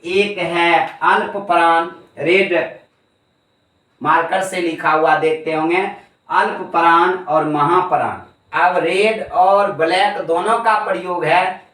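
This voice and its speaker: A man's voice: high voice, a bit bright. A man teaching a grammar lesson, emphatic and repeating key points. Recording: echoey room, voice far from the mic.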